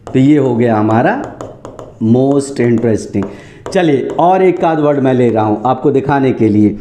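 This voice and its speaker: A man teaching English grammar, asking questions and answering them, slowing down low on each example word. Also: lively intonation, dark tone, slight background noise. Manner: repeats questions and answers, slows and drops low on example words. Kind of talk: classroom grammar lesson. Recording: echoey room.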